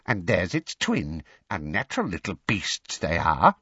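A man voicing a hunched, spiteful old male house elf who mutters hoarsely under his breath. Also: low voice, wildly swooping pitch, unhurried, pushed and bright, dry recording, dull audio, heavily acted. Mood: spiteful muttering.

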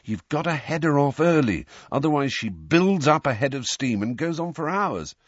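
A man voicing a brash, teasing teenage boy who talks quickly and cheekily. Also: fairly high pitch, sing-song, no room sound, muffled recording, voice pushed up. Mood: cheeky.

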